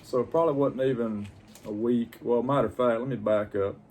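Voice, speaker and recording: A man telling a personal story casually, in a plain-spoken, halting, reflective way. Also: mid-range voice, fairly even intonation, darkish tone, a little hiss or hum. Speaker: pipe-smoking vlogger.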